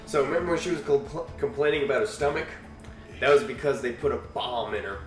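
A man's voice: medium pitch, a little fast. Young man's casual commentary, distant mic. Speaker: gaming video host playing the game. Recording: roomy, distant mic, loud game music.

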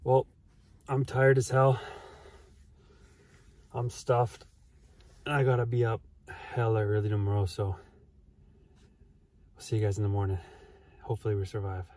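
A man's voice: fairly low pitch, level tone, unhurried, pauses often. A young man, narrating a casual camping vlog in a laid-back, slangy way from a parking lot and his car. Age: young adult. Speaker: vlogger. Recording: loud outdoor and vehicle noise.

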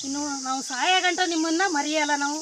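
A village woman talks plainly to a reporter. Her voice is quite high. Insects chirp clearly behind her on an outdoor field recording. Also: moderate pace, noisy background. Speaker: villager interviewed. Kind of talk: street interview.

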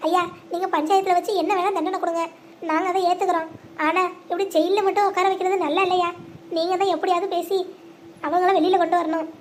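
A high voice doing a pleading old village mother. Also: little pitch movement, quick pace, slight background noise. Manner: wailing, pleading.

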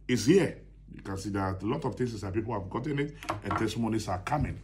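A man's voice: on the low side, breathy edge. A man in his thirties with a Ghanaian accent, preaching a sermon to a close phone camera from a small indoor room, emphatic and repeating key lines. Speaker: pastor. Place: small brightly painted indoor room, seated at a desk. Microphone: phone camera at close range.

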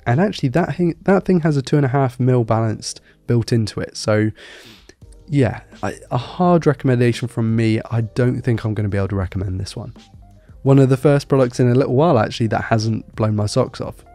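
A man's voice: medium pitch, fairly quick, mellow, no room sound. A man reviewing a music player, talking candidly and thinking aloud, his voice nasal from a cold. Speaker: tech reviewer. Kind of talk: casual product review.

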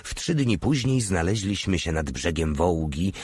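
Low husky guy reading an audiobook, steady and measured, dry close sound. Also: no echo. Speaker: audiobook narrator. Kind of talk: audiobook narration.

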